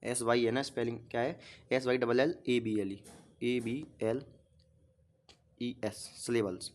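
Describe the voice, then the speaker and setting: A man's voice: medium pitch, steady tone, a little slow, darkish tone. A man teaching a grammar lesson. He explains step by step, keeps asking short questions and answers them himself. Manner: asks questions and repeats the answers.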